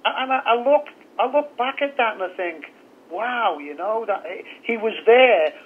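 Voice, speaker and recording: A man's voice: high voice, lively intonation, normal speed. A middle-aged man, talking openly and chattily as a guest in an interview by phone. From north of England. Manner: candid, chatty storytelling. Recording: tinny phone line.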